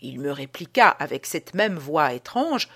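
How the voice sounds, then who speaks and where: A woman reading an audiobook as an old male prison guard telling an uncanny tale, with a dramatic, hushed delivery. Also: low-pitched, sing-song, measured pace, breathy edge, full character voice. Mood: spooked. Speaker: audiobook reader.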